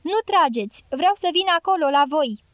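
A woman voicing a young male guerrilla who shouts and pleads across a front line in an audiobook. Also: high-pitched, lively intonation, no room sound, highs cut off, voice pushed up. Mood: pleading shouts.

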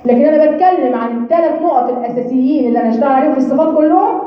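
A woman's voice: sits high, very fast. A woman with an Egyptian accent teaching recitation, explaining patiently, demonstrating letter sounds and checking understanding. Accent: Egyptian Arabic. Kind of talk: informal lesson explanation. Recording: echoey, distant, dull room recording.

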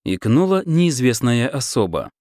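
A man narrating a story in an expressive, wry way. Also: medium pitch, measured pace, dry recording, clean studio sound. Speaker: audiobook narrator.

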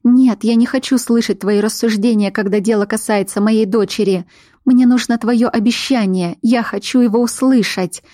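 A woman's voice: on the high side, fairly even intonation, moderate pace, dark tone, dry recording, clean studio sound, natural voice. A woman voicing a frantic mother near tears, pleading for her daughter in an audiobook story. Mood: desperate. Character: frantic mother, tall red-haired woman.

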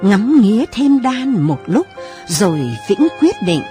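A woman narrating a late-night story in a soft, lyrical, unhurried reading. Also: on the high side, sing-song, loud music behind the voice.

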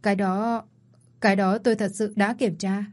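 A woman's voice: medium pitch, flat delivery, moderate pace, darkish tone, natural voice. A woman voicing an anxious, servile male secretary who fusses over his boss in a storybook reading. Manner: fretful and deferential.

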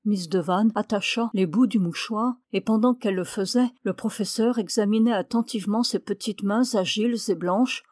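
A woman narrating a detective story in clear, even storytelling. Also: mid-range voice, normal speed, few pauses, no echo, clean studio sound. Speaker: audiobook reader.

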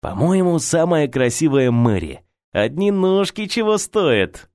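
A gleeful, dim young man chatters with excitement, his pitch jumping around lively, as a male reader puts him on. Close, dry audiobook sound. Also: measured pace, dry recording. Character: overexcited, dim young man boasting about bugs.

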